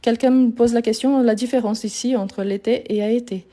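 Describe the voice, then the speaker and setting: Woman, French teacher, live online lesson, warm mellow tone, patient step-by-step explaining. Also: a little high, steady tone, brisk.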